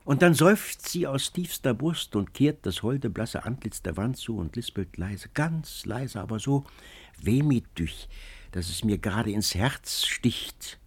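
A man's voice: mid-range voice, animated, a little slow, breathy edge. A man voicing a scheming, cackling old woman servant in an audiobook, telling her tale breathlessly and dramatically. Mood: wheedling. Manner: breathless, wheedling, dramatic storytelling. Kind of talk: audiobook character reading.

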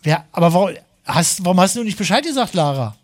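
A middle-aged man hosts a call-in radio show in a joking, chatty way. His voice sits high for a man. He teases his callers and co-hosts all the time. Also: sing-song, quick pace. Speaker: radio host. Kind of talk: casual call-in radio chat.

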